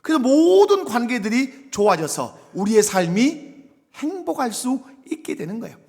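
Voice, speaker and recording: A middle-aged male pastor preaching to his congregation, his voice pitched high and swinging widely between soft, chatty asides and loud, fervent appeals. A long reverb from the church sanctuary trails every phrase. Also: big pitch swings, moderate pace. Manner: conversational, rising to loud fervent exhortation. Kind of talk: sermon.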